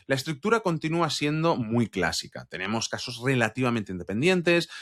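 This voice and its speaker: Lively man reviewing a series. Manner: animated, emphatic delivery with lively swings in pitch. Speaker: host of a series review show. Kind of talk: scripted video review.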